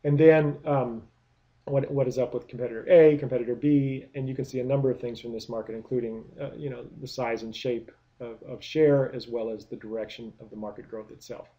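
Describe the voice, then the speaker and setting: Man lecturing with dull, mellow tone. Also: medium pitch, fairly even intonation, brisk. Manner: explanatory, many rhetorical questions, frequent restarts. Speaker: product management lecturer. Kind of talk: recorded lecture.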